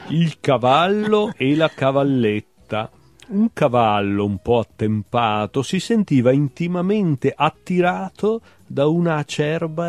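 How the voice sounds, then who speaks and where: Slow, gravelly male reader of whimsical verse. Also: mid-range voice, a little mellow, no echo. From Veneto, Italy. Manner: slow, playful recital with wry humor. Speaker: guest poet. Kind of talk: reading short rhyming love fables. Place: television studio.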